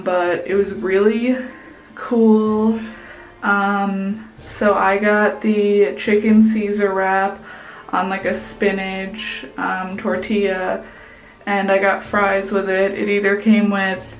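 A woman's voice: mid-range voice, echoey room. A young woman in her twenties vlogging a casual restaurant review to a camera held at arm's length, chatty with lots of "like" and "um". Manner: chatty, heavy use of "like" and "um". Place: indoors, small room with plain wall.

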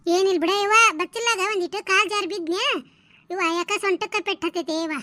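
A woman voicing bickering, gossipy village women in a cartoon, with a North Karnataka Kannada accent and quick, scolding banter. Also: very high-pitched, bright, forceful tone, dry recording. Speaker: voice of a cartoon series.

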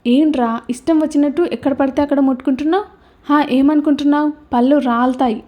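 A woman voicing an angry, defiant young woman who shouts and talks back rudely in a storybook reading. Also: high-pitched, fairly even intonation, quick pace, muffled recording, close to an everyday voice. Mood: shouting. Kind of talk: storybook character voice.

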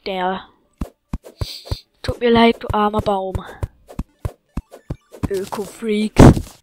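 A woman giving excitable let's-play commentary, yelling at enemies and chatting to viewers, with faint game music behind. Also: a little high, unhurried, low-quality recording.

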